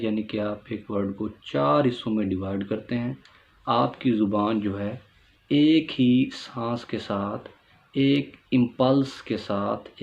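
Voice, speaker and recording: Urdu-speaking male English teacher, gravelly voice, slow and deliberate, lo-fi recording. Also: mid-range voice, darkish tone. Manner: slow, drawn-out word pronunciation with repeated rhetorical questions. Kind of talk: classroom-style explanation.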